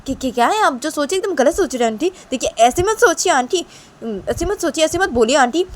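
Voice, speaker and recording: A woman's voice: high voice, animated, fairly quick, voice pushed up. Woman doing an insistent young man. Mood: insistent denial. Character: young man, calm, denying to his friend's parents.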